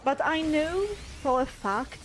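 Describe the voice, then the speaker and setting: High-voiced French-accented woman streamer. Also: takes it slowly, soft background music. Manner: pitch swings constantly, never one steady tone; laughs often, restarts phrases while searching for English words. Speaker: game streamer. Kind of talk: casual live-stream chat, answering chat.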